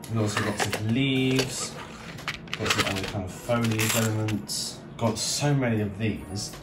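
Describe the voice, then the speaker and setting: A lowish-voiced male YouTube host shows off a hobby build in a casual, unscripted show-and-tell vlog, speaking informally and unhurriedly as he thinks aloud. He's in an indoor room beside the build, recorded far from the mic in an echoey space that's very noisy, with music behind.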